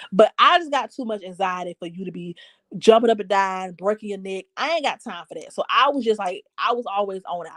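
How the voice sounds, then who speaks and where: A woman's voice: mid-range voice, no echo. A woman host giving frank casual commentary on parenting and reading viewer comments aloud.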